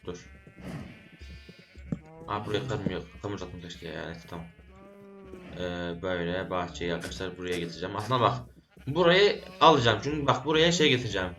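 A man's voice: low voice, a little fast, pauses often, a bit bright, faint music behind. A man giving casual gameplay commentary, talking to himself and scolding the animals and the game as he plays. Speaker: gaming YouTuber.

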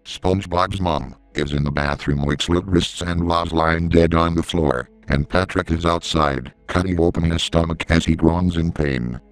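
A man giving scripted horror story narration in a steady, measured way, recorded on a close mic. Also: low-pitched, clean tone, no echo, poor audio.

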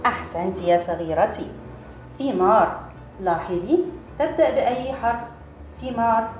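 A woman teaching young children a letter lesson, encouraging them and repeating each sound slowly and clearly. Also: on the high side, darkish tone, faint music behind. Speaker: kindergarten teacher.

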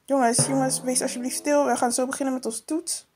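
A woman voicing a strict schoolteacher in a toy-figure film, firmly asking her class for quiet. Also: high voice, flat delivery, fairly quick, a little hiss or hum, close to an everyday voice. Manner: firm, pleading for quiet.

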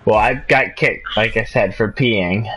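A man's voice: fairly low pitch, measured pace, a bit bright. A drunk man chatting casually over a game, rambling and swearing. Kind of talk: casual chat while gaming.

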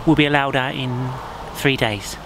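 A man's voice: fairly even intonation, moderate pace, noisy background. A male comedian from the UK talking through a comic lockdown video diary, rambling and restarting his sentences. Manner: rambling, self-interrupting, breaks into high-pitched mock crying.

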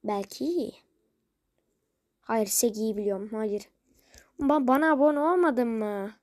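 Woman, high voice, casual vlog chat, rambling, grumbly, dry close sound. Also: takes it slowly, darkish tone, no room sound. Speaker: video creator.

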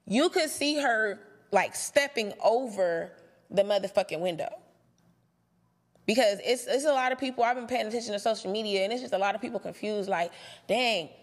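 Sassy swearing woman in a reverberant room. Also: medium pitch. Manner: brash, sassy, swears a lot. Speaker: reality show cast member recapping episodes. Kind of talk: profane casual commentary to viewers.

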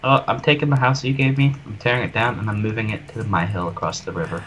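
A man's voice: on the low side, slight background noise. A man chatting casually while building in a video game, joking and teasing his friend. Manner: joking, quick to tease, lively. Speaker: gamer co-host. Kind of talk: casual gaming chat.

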